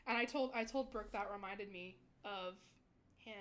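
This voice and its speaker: A woman's voice: mid-range voice, unhurried, a bit bright. A young woman VTuber chatting casually with her stream viewers, rambling and giggling often.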